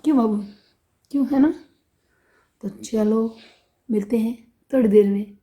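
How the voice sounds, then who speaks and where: A chatty woman in her thirties from India, narrating her day at home and talking directly to her viewers. Her voice sits a little high for a woman. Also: measured pace, warm tone. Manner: chatty, talks straight to viewers. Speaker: family vlogger. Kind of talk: casual vlog narration. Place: at home indoors.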